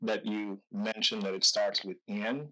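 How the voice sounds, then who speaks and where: A man from Guyana hosting an interview, feeling his way through each question with ums and restarts. He talks very slowly, and his voice has a bright, forceful edge. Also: fairly low pitch, steady tone, low-quality recording. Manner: slow, halting, with many ums and repeated words. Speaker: interview host.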